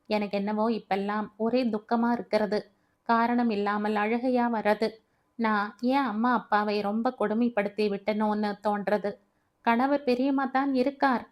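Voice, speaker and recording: A woman's voice: mid-range voice, steady tone, moderate pace, natural voice. A woman voicing a young pregnant woman who wistfully confides her regret and longing for her mother. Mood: repentant.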